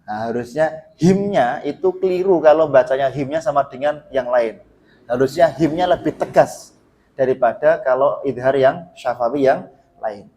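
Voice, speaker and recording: A man with a Javanese accent teaching Quran recitation in a mosque, correcting pronunciation and chanting verses slowly for others to repeat. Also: mid-range voice, warm tone, slight background noise.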